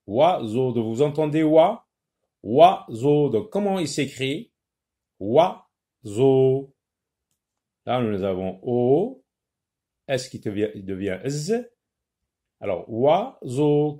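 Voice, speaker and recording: Slow, patient man teaching phonics. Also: medium pitch, dark tone. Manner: slow, repeats words syllable by syllable; switches into Arabic to explain. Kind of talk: French phonics lesson for children.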